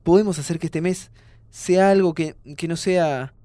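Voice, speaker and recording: A man's voice: fairly high pitch, moderate pace, dark tone, dry recording, close to an everyday voice. An actor playing an ill young man with a Rioplatense Spanish accent who jokes and reassures his friend. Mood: reassuring. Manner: playful, soothing, tired. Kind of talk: audio drama acting.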